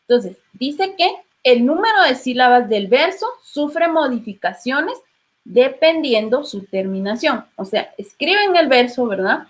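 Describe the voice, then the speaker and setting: A woman's voice: sits high, expressive, unhurried. A woman with a Guatemalan Spanish accent teaching literature in an online class, patiently prompting students with questions.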